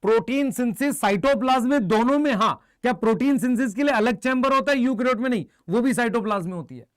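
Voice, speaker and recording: A man teaching a biology lesson, briskly quizzing his students and answering for them, mixing Hindi with English terms. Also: extremely high pitch, no room sound, studio quality. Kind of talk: live online exam-prep lecture.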